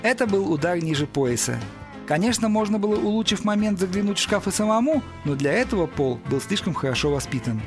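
A man's voice: high voice, expressive, fairly quick, music in the background. A man narrating a story expressively as an audiobook reader. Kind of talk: scripted narration.

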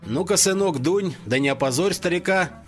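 A man's voice: sits high, moderate pace, faint music behind, pitched above the performer's own voice, close to an everyday voice. A man voicing a good-natured father who teases his sons in an audiobook. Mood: teasing. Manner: hearty, teasing. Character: good-natured joking father of two boys.

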